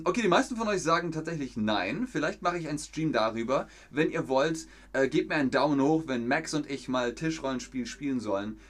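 A man chatting casually on a live stream, reading viewer comments aloud with many hesitant fillers. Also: mid-range voice. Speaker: streamer hosting a fan quiz.

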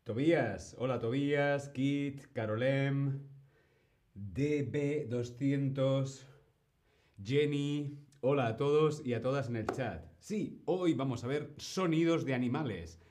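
Man, live-stream language teacher, slow and deliberate. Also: medium pitch, darkish tone. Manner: slow, clear, greets chat by name, imitates animal sounds.

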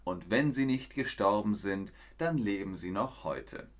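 Reading a fairy tale a little slowly in a lowish voice with lively intonation, this man gives a German lesson on a live stream. He stops to explain words and to greet people in the chat.

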